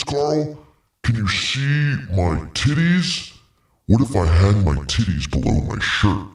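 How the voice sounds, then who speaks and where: A man voicing a mocking parody of an attention-seeking woman streamer, his voice pitched down to sound very deep, whiny and taunting, played back as a clip. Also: reverberant, far from the mic. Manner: whiny, taunting, repetitive calling out.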